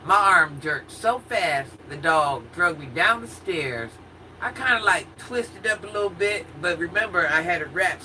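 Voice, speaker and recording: Bright, forceful American woman storyteller, husky voice. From rural United States, country upbringing. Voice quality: naturally husky, low-register voice for a woman. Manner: animated, dramatic retelling with acted-out quotes. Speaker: livestreamer chatting with viewers. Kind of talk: casual storytelling to a live chat. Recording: distant mic with faint background noise.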